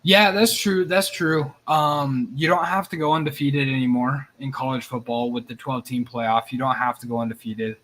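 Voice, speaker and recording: A man hosting a casual sports show, rambling and excitable, with some swearing and nervous energy. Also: mid-range voice, moderate pace, few pauses. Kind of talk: casual live sports chat.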